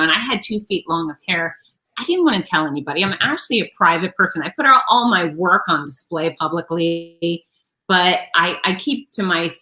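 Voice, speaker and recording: A woman's voice: fairly low pitch, pushed and bright, low-quality recording. A woman being interviewed as an author, telling her story frankly and expressively, often restarting her sentences.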